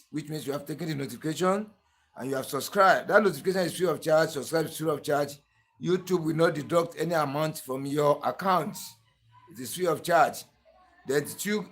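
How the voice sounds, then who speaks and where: A man with a Nigerian accent hosting a sharpening tutorial, talking in an earnest, repetitive, pleading way. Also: fairly high pitch. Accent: Nigerian English. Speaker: clipper-blade sharpening tutor and channel host. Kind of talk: tutorial narration.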